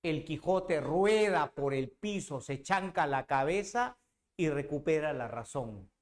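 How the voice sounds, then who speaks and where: Profesor peruano, dramático y cercano. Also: male voice, a little high, lively intonation, a little slow. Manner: dramatic storyteller who addresses the student directly. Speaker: literature teacher. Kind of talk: animated lecture.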